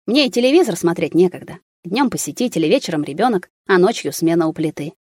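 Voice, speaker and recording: Woman narrating an audiobook, low and dry. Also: expressive, fast talker, darkish tone, slightly rough, no room sound. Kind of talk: first-person audiobook narration.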